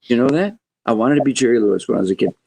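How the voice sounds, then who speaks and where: A man in his seventies, a guest musician telling stories in a podcast interview in an animated, joking way. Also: very fast, vocal fry, husky. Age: 70s. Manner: animated, joking, wide swings in pitch.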